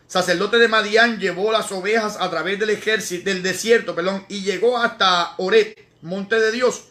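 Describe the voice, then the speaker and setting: High, bright-voiced man preaching. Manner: emphatic, repeats words for stress, reads verses aloud; greets viewers by name in between. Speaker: evangelist preacher. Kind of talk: live-streamed Bible teaching.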